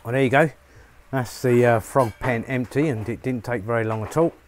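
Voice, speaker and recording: Casting: middle-aged bloke, lapel mic, upbeat farm vlogger, faint outdoor ambience. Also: male voice, mid-range voice, moderate pace, slight background noise. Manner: chatty, upbeat, many fillers. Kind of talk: casual vlog narration to camera. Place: outdoors on a rural farm, rainy.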